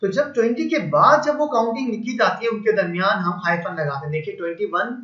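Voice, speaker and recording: High-voiced man teaching in an echoey room. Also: fairly quick, sharp tone. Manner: patient, step-by-step explaining with examples. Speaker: English teacher. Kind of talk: explanatory lesson. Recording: echoey room, slightly dull sound.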